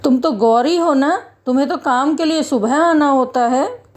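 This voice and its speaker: A woman's voice: high-pitched, normal speed, voice pushed up, lightly acted. A woman voicing a middle-aged male security guard in a spoken story, bantering and fatherly in manner. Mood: scolding. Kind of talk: storytelling voice acting.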